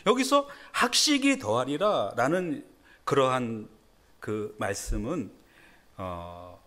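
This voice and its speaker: A man's voice: mid-range voice, very animated, slow pace, bright, forceful tone. A middle-aged man preaching a Sunday sermon as a pastor in a church. He talks conversationally, laughs at himself now and then, and rises into sudden emphasis. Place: church sanctuary.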